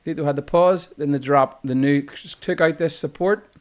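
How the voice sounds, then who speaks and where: A man's voice: a little high, normal speed, smooth. A man with an Irish accent, walking through a chart tutorial as a trading instructor in a loose, explanatory way, often correcting himself mid-sentence. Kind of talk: screen-recorded chart tutorial.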